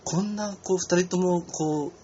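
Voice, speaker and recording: A man's voice: high voice, measured pace. A man hosting a casual radio talk, rambling through stories with lots of fillers and small stumbles. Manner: animated, rambling storyteller with frequent fillers and stumbles. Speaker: podcast host. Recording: slightly dull audio with faint ambient noise.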